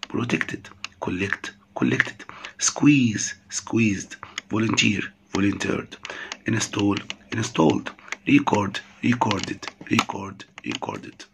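A man's voice: fairly low pitch, vocal fry, a bit bright, slight background noise. A man with an Egyptian Arabic accent teaching English vocabulary, saying each word twice and explaining it in Arabic.

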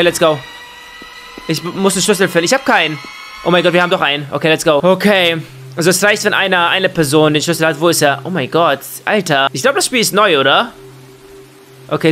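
A young man doing excitable Let's Play commentary, full of exclamations and questions and sprinkled with English slang. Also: sits high, slight background noise. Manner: mixes English slang into German. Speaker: gaming YouTuber.

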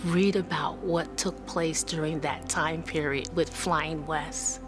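A middle-aged woman speaking firmly and deliberately in an interview. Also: low-pitched, steady tone, music in the background. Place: indoor theater seating.

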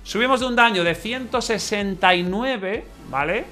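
A man giving casual gameplay commentary, chatty and excitable, often checking in with his viewers. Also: high-pitched, moderate pace, soft background music. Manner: chatty, says 'vale' and 'ojo' often, excitable outbursts. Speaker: gameplay channel host.

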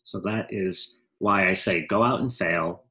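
A guest actor in his forties chats casually in an interview over a video call, using a headset mic in a room at home. His deep voice is a little slow with a sharp tone. He rambles, makes frequent asides, and often corrects himself mid-sentence.

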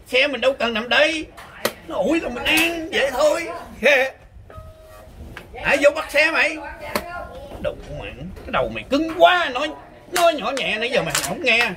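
High-voiced southern Vietnamese man trash-talking. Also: very animated, moderate pace, pauses often, noisy background. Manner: teasing, boastful, laughs a lot. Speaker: street chess player. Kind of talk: casual trash-talking banter over a game. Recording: crowd chatter behind.

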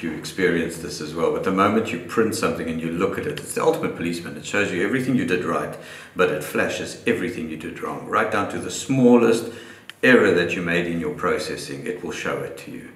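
Middle-aged panel guest, very deep voice, thoughtful and restarting, roomy recording. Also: male voice, a little fast, few pauses. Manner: reflective, restarts phrases often. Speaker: guest photographer. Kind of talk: live panel discussion. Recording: roomy echo.

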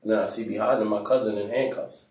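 A man from Africa telling a story in a casual discussion, soft-spoken with many fillers. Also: lowish voice, fairly even intonation, quick pace. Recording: roomy echo, mic at a distance.

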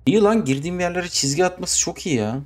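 A man's voice: high voice, animated, fast talker, a little hiss or hum. A young man with a Turkish accent, commenting as he plays a horror game, jumpy and swearing, talking to himself and the game. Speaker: gaming YouTuber.

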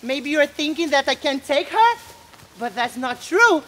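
A jealous tall young woman, high voice, lively and swooping, reproachful, pleading, outdoor stage play. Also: exaggerated voice. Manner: pleading, reproachful, quick to take offence. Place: outdoor landscape performance.

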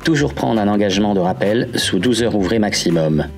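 A man's voice: lowish voice, animated, fairly quick, darkish tone. A man giving scripted instructional narration for a training video. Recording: faint background music.

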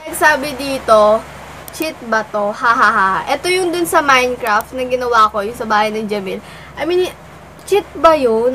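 A woman's voice: sits high, a bit bright, slight background noise, poor audio. Playful young woman vlogger, teasing comebacks. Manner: eating while talking. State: stuffy cold. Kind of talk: casual vlog reacting to comments.

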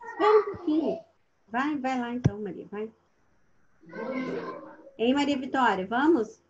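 A woman's voice: high-pitched, lively intonation, unhurried, dull audio, heavy background noise. A woman teaching a primary school class over a video call. She asks her pupils patient questions and calls on them by name. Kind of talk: online class instruction.

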